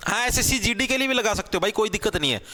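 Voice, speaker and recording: A male teacher leading a live online grammar class, energetic and pushing students to answer fast. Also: high voice. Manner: calls students "bhai" again and again.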